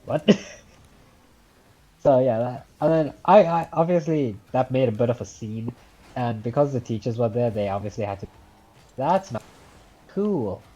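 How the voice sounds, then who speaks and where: A man's voice: mid-range voice, moderate pace, mellow, muffled recording. A young man in his late teens with a Scouse accent, casually telling a rambling story on a podcast, swearing often. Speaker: podcast host.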